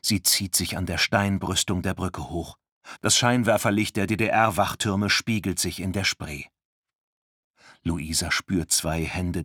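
Deep husky male audiobook narrator. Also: a bit bright, no echo, clean studio sound. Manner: tense measured reading. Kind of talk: scripted thriller narration. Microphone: close studio mic.

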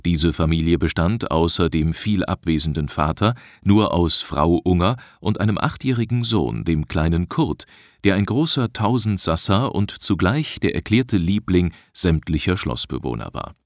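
A man narrating an audiobook in a measured, deliberate reading style. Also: low-pitched, expressive, dry recording, studio quality. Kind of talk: scripted narration.

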